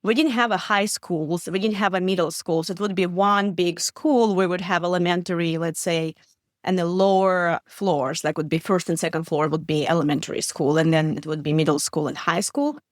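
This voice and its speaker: A middle-aged Ukrainian woman who directs refugee aid answers interview questions earnestly, with a Ukrainian accent, Russian as her first language, small stumbles and non-native grammar. Her voice is on the low side, steady and a little fast, recorded cleanly in a studio with no room sound.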